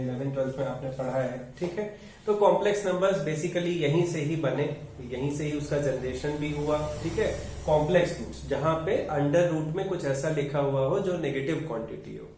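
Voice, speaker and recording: A man's voice: a little high, a little mellow, far from the mic, slight background noise. A man with an Indian accent teaching a maths class, explaining each step and checking in with "okay" as he goes. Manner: explains step by step with frequent 'okay' and 'ठीक है' check-ins. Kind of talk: classroom lecture mixing Hindi and English. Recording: echoey room, voice away from mic.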